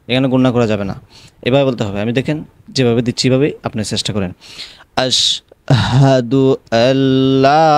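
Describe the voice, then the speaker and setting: A man teaching how to pronounce the call to prayer, spelling it out letter by letter and then chanting it in long, drawn-out melodic phrases. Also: mid-range voice, darkish tone, no room sound. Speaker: azan pronunciation teacher. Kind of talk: recitation lesson.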